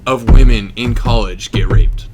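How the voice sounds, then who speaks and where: A man's voice: medium pitch, measured pace, over a noisy crowd. A man co-hosting a satirical podcast, speaking emphatically with an indignant tone. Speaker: podcast co-host.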